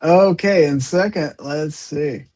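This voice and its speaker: A man's voice: fairly high pitch, a little mellow. A man hosting a live podcast panel, chatting casually while showing viewer clips. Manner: quick, chatty, sharing screen clips. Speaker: podcast host.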